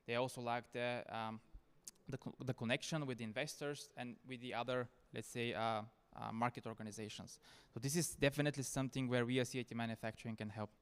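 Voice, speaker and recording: The Bulgarian keynote speaker, whose first language is Bulgarian, has a clear, resonant, mid-range voice with a steady tone and talks fast. His conference presentation in a reverberant hall is earnest and persuasive, punctuated by repeated restarts.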